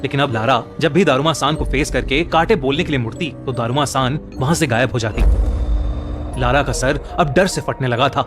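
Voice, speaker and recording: A man's voice: medium pitch, normal speed. A man narrating a scripted horror story in a dramatic storytelling manner. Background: music.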